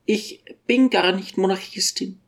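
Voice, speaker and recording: A man voicing a timid, flustered young hostess in an audiobook, speaking hesitantly and softly. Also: sits high, a little slow, pitched above the performer's own voice. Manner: hesitant, soft-spoken.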